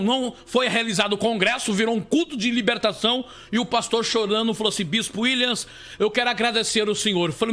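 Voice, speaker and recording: Brazilian bishop guy preaching live, bright sharp voice, keeps repeating and restarting. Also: high voice. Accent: Brazilian Portuguese. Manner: repetitive, calls listeners "beloved", many restarts.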